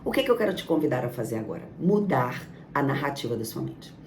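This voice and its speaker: A woman's voice: rumbling low, big pitch swings, quick pace, darkish tone, distant mic, slight background noise. A woman giving a motivational self-help talk as a coach, speaking emphatically in long lists and rhetorical questions. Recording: echoey room, off-mic, faint ambience.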